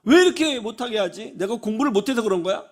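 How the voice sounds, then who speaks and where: A man's voice: high voice, expressive, quick pace, voice pushed up. A man voicing a whining child who pleads to keep playing on the phone, in a sermon. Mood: sulky. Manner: whiny, pleading.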